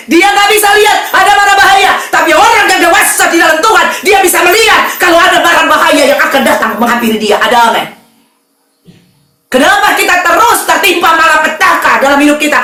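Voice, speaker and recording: Woman pastor, bright high voice, animated sermon delivery, distant mic in an echoey hall. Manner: animated preaching, calling out to the congregation. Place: church hall.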